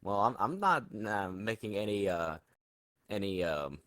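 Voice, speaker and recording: A man playing a tabletop game, thinking out loud hesitantly. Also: on the low side, very animated, a little slow, no room sound. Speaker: player. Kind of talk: casual tabletop game talk.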